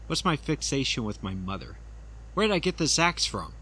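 A man's voice: mid-range voice, sing-song, moderate pace, sharp tone, slight background noise, low-quality recording. A man voicing a creepy, awkward hotel-keeping killer in a comedy animation, hesitant and unsettlingly intense. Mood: unhinged.

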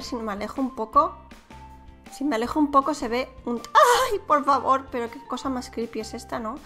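A high-pitched woman chats playfully through her gameplay, her voice bright and lively. Faint music plays under her talk. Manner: chatty, playful, exclamatory. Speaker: gaming YouTuber. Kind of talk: casual gameplay commentary.

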